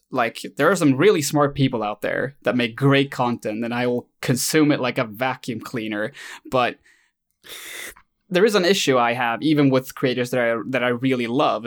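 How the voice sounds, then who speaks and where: Man talking casually. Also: mid-range voice. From Sweden. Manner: hesitant, self-correcting, thoughtful. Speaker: YouTube creator and host. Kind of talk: casual conversation.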